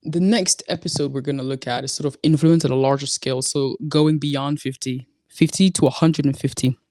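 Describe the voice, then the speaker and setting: A woman hosting a solo talk podcast, speaking deliberately and repeating phrases for emphasis. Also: extremely low pitch, steady tone, mellow, no echo, studio quality. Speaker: podcast host.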